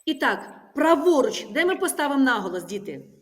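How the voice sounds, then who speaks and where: A woman with a high-pitched voice leads a primary school lesson. She poses question after question and patiently confirms each answer by repeating it. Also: very animated, brisk. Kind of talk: classroom lesson. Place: classroom.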